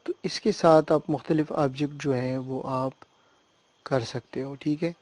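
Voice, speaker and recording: A man giving a screen-recorded software tutorial, explaining step by step and often checking that the listener follows. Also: mid-range voice, fairly even intonation. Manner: hesitant fillers and restarts while working on screen.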